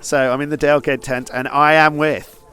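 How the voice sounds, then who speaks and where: A man's voice: a little high, flat delivery, normal speed, pushed and bright, clean tone. Man, podcast host, jokey, teasing, casual market chat. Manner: jokey, teasing, laughs often. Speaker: podcast host interviewing stall holders. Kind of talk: casual market-stall interviews. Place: busy indoor market tent.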